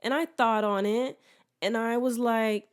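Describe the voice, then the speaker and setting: A woman's voice: a little high, fairly even intonation, a little slow, clear, resonant tone. An American woman hosting a casual solo sports podcast with a swollen throat, rambling candidly in a slangy, self-deprecating way. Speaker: podcast host.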